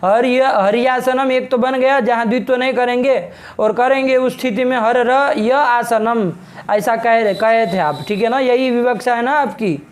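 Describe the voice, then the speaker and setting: A middle-aged man teaching a Sanskrit grammar class online, brisk and scolding as he presses a student to state his question clearly. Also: very high voice.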